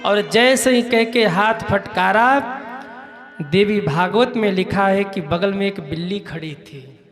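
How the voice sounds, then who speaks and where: A man's voice: high-pitched, slow, music in the background. A man preaching a devotional story sermon, acting out the dialogue and now and then singing a line. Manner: storytelling with acted dialogue and sung lines. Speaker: kathavachak preacher.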